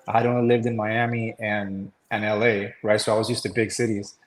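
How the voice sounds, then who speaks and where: A man's voice: fairly low pitch, level tone, a little fast, low-quality recording. A man talking in a loose, rambling way on a casual call, with many fillers and restarts. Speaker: webinar host. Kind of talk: casual chat.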